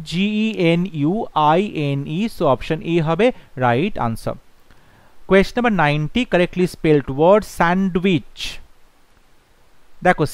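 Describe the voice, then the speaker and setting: A man teaching an English spelling lesson with a Bengali accent, spelling words slowly letter by letter and repeating each word several times. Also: high voice, smooth, no room sound. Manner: reads question numbers slowly and deliberately in English.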